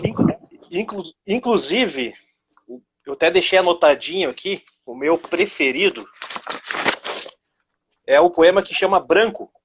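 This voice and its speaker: A man's voice: sits high, animated, a little slow, long pauses, muffled recording, noisy background. A man interviewing an author over a video call, friendly and often repeating words and restarting sentences. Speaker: interviewer at a book launch.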